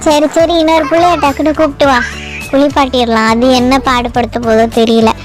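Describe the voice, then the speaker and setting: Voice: high voice, level tone, a little fast, over music, lightly acted. A performer voicing a bossy, fussy old grandmother who scolds and coaxes while bathing babies, in a doll play-acting drama. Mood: coaxing.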